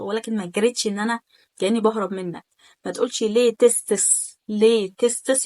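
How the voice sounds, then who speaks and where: A woman with an Egyptian Arabic accent leads an informal online German lesson with a slightly high voice. She chats casually between examples and slows right down when she repeats phrases for practice. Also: fairly bright tone. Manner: chatty, repeats German phrases slowly for drilling. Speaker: German teacher.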